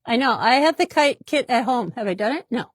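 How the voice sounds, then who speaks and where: A woman shows products in a fabric shop in a casual, chatty way. Her voice sits somewhat high and sounds upbeat, and she tends to repeat herself. The sound is dry and close. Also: lively intonation, a little fast, no echo.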